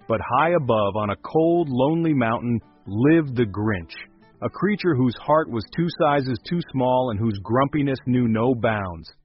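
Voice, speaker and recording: Husky male storybook narrator. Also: mid-range voice, lively intonation, a little slow. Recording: dull lo-fi with faint music.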